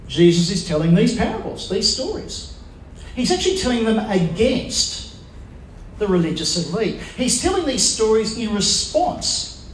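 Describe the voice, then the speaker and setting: High-voiced preacher in an echoey room. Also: male voice, slight background noise. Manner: asks the congregation questions, emphatic pauses. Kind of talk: sermon. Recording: echoey room with faint ambience.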